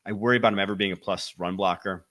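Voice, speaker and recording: A young man from Wisconsin with a Wisconsin accent, hosting a solo football podcast with energetic, rapid-fire commentary that stresses key words. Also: low voice. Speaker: football draft analyst podcast host.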